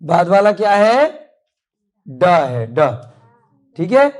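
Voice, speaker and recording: A woman teaches a classroom full of pupils. She speaks slowly in a fairly low voice, repeating words and quizzing the class as she goes. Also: big pitch swings, darkish tone. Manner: drills words, asks pupils questions.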